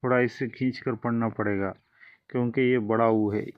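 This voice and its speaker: A man's voice: medium pitch, fairly even intonation, normal speed, smooth, no echo, narrow, tinny audio. A man teaching a language lesson, explaining each step patiently and drawing out the example sounds.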